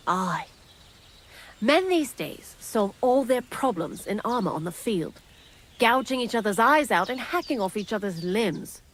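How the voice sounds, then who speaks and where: A woman's voice: on the high side, a little hiss or hum. An actress voicing a talkative, sardonic young female thief in video game dialogue. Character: chatty, wry young female thief hiding out. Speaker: miller's thief accomplice in a game.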